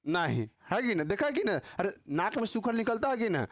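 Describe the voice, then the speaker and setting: A man's voice: sits high, sing-song, brisk. A man teaching a casual grammar class, teasing and quizzing his students with constant tag questions.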